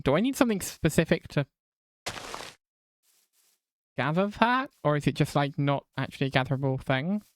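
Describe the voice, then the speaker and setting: Wry streamer with a slightly high voice. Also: male voice. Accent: non-rhotic English. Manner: chatty, wry and self-mocking, laughs often. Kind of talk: casual live-stream chat while gaming.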